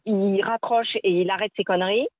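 A woman's voice: medium pitch, steady tone, normal speed. A woman arguing on a prank phone call from her car, indignant and swearing, cutting in. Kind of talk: heated phone argument. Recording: tinny phone line.

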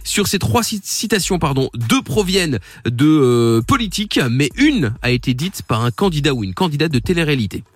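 A man hosting a radio show, joking and swearing casually in quick banter. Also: a little high, big pitch swings, slightly rough, no echo.

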